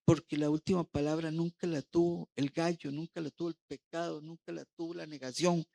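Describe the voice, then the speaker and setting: A man preaching a sermon to his church, building emphatic parallel phrases in a steady rhythmic cadence. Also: a little high, brisk, gravelly. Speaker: pastor.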